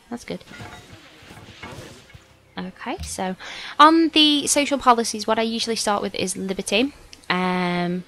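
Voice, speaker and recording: A woman's voice: mid-range voice, gravelly, bright, forceful tone. A woman with a slight sniffle gives casual, hesitant let's play commentary, explaining things informally as she goes. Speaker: gaming video host.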